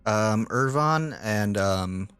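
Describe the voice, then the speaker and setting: A man's voice: lowish voice, lively intonation, drawn-out words, fairly bright tone. A man narrating a tabletop game as game master, laughing often as he describes the scene. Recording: faint music behind.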